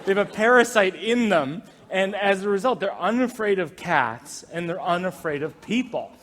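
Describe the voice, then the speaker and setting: A man doing stand-up storytelling in a wry, animated, self-deprecating way. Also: high voice, moderate pace, big-room sound, a little hiss or hum. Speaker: stand-up comedian.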